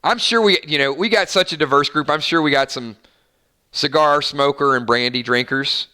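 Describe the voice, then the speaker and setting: Hosting a laid-back fan stream, this man chats and reads viewer comments with upbeat energy, rambling through plenty of fillers and restarts. His voice is on the high side, bright and forceful, at a normal speed.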